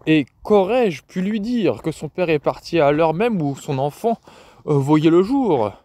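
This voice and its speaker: A man voicing an elderly grandmother who is gentle but firm, by turns pleading and indignant. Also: on the high side, animated, measured pace, voice pushed up.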